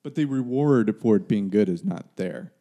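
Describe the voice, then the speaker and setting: A man's voice: on the low side, lively intonation, normal speed, mellow. A man hosting a casual podcast chat, making dry joking remarks. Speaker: podcast host.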